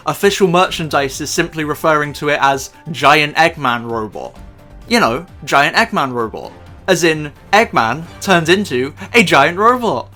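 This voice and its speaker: A man's voice: fairly high pitch, sharp tone. A man ranting about a film in sarcastic, profane, exasperated commentary. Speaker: YouTube commentator.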